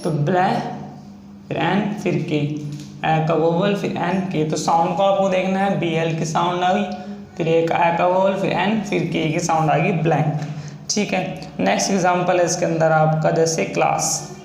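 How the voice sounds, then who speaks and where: A man teaching a shorthand lesson, slowly and patiently spelling out each sound step by step. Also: high-pitched, steady tone, creaky, darkish tone. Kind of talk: classroom-style lesson. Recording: echoey room with faint ambient noise.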